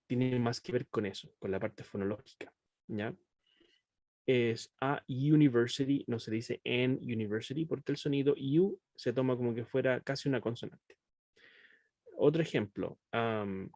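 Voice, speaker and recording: With a darkish, medium-pitched voice, this English teacher gives a video-call lesson, patiently explaining and checking comprehension while switching between two languages. The audio is echo-free studio quality.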